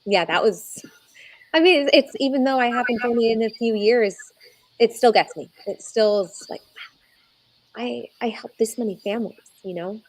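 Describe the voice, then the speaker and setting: A woman's voice: fairly high pitch, no room sound, rough recording. Earnest woman telling her story. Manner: earnest and heartfelt, slows down when moved. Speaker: egg donor guest. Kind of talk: conversational interview.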